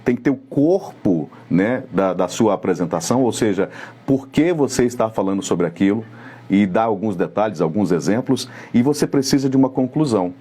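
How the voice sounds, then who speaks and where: A middle-aged man with a Brazilian Portuguese accent, giving a live lecture as a communication coach in a measured, didactic way, speaking straight to the listener. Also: fairly low pitch, lively intonation, warm tone, husky.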